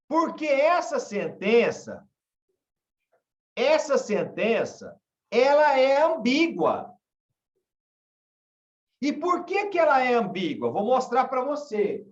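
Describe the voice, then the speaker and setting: A man's voice: very high voice, very animated, slow, pauses often, far from the mic. A man from Brazil teaching a class, asking questions and repeating example sentences. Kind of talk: online class lesson. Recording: dull, echoey room from afar.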